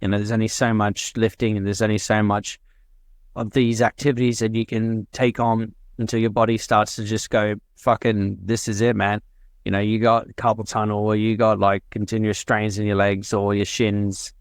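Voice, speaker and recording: Low-voiced man, casual podcast chat. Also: level tone, moderate pace, clear, resonant tone, no room sound, studio quality. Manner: loose, swears casually, laughs often. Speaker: podcast co-host.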